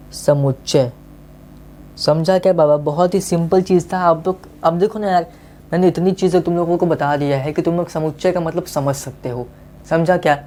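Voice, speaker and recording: A man's voice: on the high side, mellow. A male teacher gives a casual online maths lesson, coaxing his students and often checking that they have understood.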